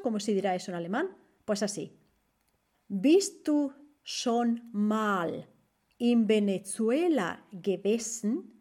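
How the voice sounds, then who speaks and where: A woman hosting a podcast language lesson. She spells out words and repeats example phrases slowly and carefully. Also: a little high. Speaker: language teacher, podcast host.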